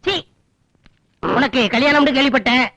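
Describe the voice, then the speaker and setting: An actor playing a scheming rival turned politician in a comic film, taunting and mocking. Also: male voice, very high-pitched, fairly even intonation, moderate pace, sharp tone.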